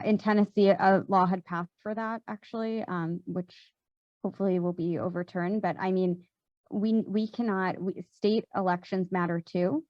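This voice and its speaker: A woman's voice: medium pitch, dry recording, highs cut off. A woman answering on a panel discussion, talking conversationally with many fillers and restarts. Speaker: panelist, gun safety volunteer. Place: event hall.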